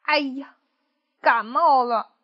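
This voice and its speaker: A woman's voice: high voice, slow pace, muffled recording, pitched above the performer's own voice. A woman voicing a boastful, hungry and hapless male grey wolf who groans and brags. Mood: sorry for himself. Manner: groaning and sneezing, bragging.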